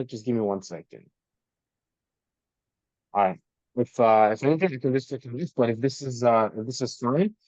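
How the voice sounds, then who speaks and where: A man's voice: lowish voice, darkish tone, no room sound. A man from Canada, a mortgage broker, introducing himself on a group video call, talking conversationally and often restarting words, his sound muffled through headphones. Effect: muffled conference-call audio through headphones. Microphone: headphone mic on a video call.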